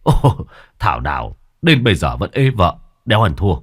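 A man's voice: deep voice, big pitch swings, normal speed, breathy edge, exaggerated voice. A man voicing a tall, burly male villager who coarsely mocks a frightened young man. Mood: mocking. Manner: mocking, coarse.

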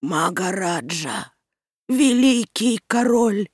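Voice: mid-range voice, very animated, slow, dry recording, clean studio sound. A reader voicing a frightened old hunter, pleading. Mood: fearful pleading. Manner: pleading hoarse whisper.

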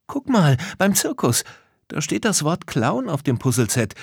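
A man voicing a bright, eager young girl in a storybook, lively and excited. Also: fairly high pitch, measured pace, vocal fry, husky, no room sound, clean studio sound, voice pushed up, exaggerated voice. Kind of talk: storybook character voice.

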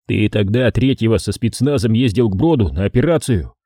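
A quick-witted captive who stays cool under pressure, read by a man for an audiobook. He talks in a hurried or flat way, with a warm, husky voice and a lively pitch. The recording is dry. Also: no room sound. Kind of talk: audiobook character reading.

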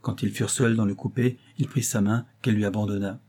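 A man reading a classic novel aloud as narrator, steady and measured. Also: on the low side, husky. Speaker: audiobook narrator.

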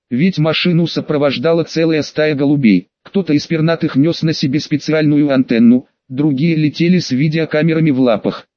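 Audiobook narrator, male, somewhat high voice, dry slightly dull recording. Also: a little mellow, no echo. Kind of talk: scripted first-person audiobook narration.

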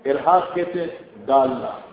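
In a classroom lecture, a hadith teacher with a gravelly, mid-range voice and a Pakistani Urdu accent goes through Arabic scripture line by line, weaving in stories along the way. The recording is roomy, dull, and lo-fi.

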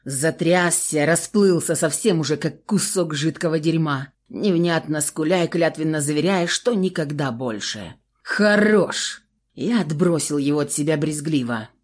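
A woman narrating a novel in the first person with expressive, coarse, slangy delivery. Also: low voice, moderate pace, hardly any pauses. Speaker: audiobook reader.

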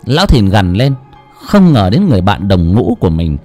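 Narrator: man, dramatic horror storytelling, animated delivery. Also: lowish voice, moderate pace, faint music behind. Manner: dramatic, voicing characters.

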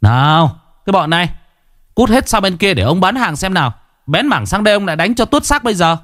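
A man voicing a gruff, threatening middle-aged stall owner who shoos children off in a bossy way. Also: high-pitched, very animated, brisk, fairly bright tone, pitched above the performer's own voice. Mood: angry.

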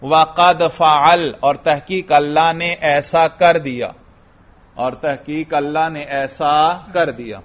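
A man teaches a religious class in a lively way, chanting Arabic verses slowly and then quizzing his students on them. His voice sits somewhat high for a man. The recording is dull and lo-fi. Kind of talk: classroom lecture explaining Arabic grammar.

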